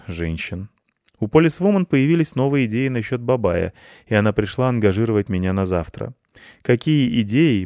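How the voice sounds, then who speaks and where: A man's voice: fairly low pitch, darkish tone, no room sound. A man reading first-person audiobook narration in a dry, wry manner. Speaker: audiobook reader.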